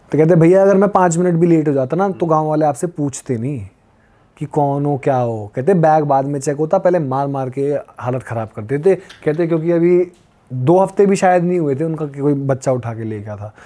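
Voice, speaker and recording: A young man from Uttar Pradesh tells a story as a podcast guest, in a casual conversational way. His voice sits a little high but sounds soft and warm. He acts out the dialogue of the people in his story as he goes. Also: brisk. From Uttar Pradesh, India. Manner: lively retelling that acts out quoted dialogue. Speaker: podcast guest, long-distance pilgrim walker.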